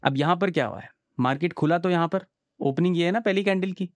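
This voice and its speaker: A male trading teacher with a slightly high voice talks fast through a casual screen-share chart tutorial, with no room sound. Chatty and reassuring, he keeps asking "samjhe?" to check the viewer follows and tells them not to worry.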